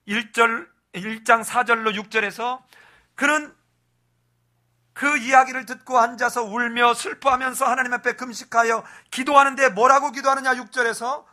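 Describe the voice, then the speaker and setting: Male pastor, animated expository preacher, bright forceful delivery. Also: very high voice. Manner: animated storytelling, rhetorical questions. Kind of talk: expository sermon.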